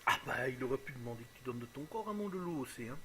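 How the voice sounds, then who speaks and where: A man's voice: medium pitch, expressive, fast talker, sharp tone. A man giving casual, jokey let's play commentary, musing aloud as he plays. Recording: clearly noisy home recording.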